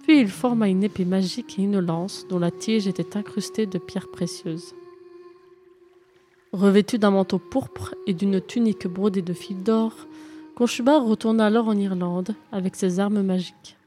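Woman storyteller, steady storybook reading, faint music under. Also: medium pitch, moderate pace. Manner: calm, even reading of a fairy tale. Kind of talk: storybook narration.

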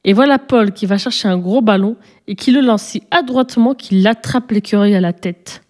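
A woman narrating a children's storybook in a calm, even storytelling manner. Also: mid-range voice, moderate pace.

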